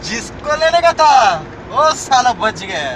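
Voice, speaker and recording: Brief: man playing a possessed guy, menacing and mocking, very high pitched, dragging delivery. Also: very animated, slow, pushed and bright, a little hiss or hum, heavily acted, poor audio.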